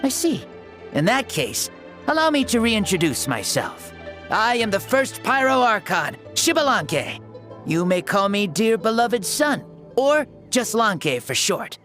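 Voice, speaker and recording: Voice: mid-range voice, sing-song, a little slow, fairly bright tone, faint music behind. An actor playing an ancient hero who inhabits a young boy's body in a video game, theatrical, jaunty and self-assured.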